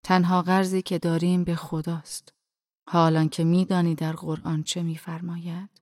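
A calm, firm old dervish, as a woman reads him. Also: on the low side, dry recording, studio quality, lightly acted. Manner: quiet, firm but gentle, often half-whispered. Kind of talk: audiobook narration.

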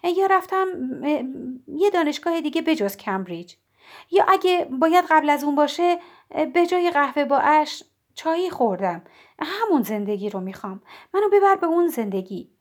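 A woman voicing an anxious young woman who pleads and questions in a high voice. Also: animated. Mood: pleading.

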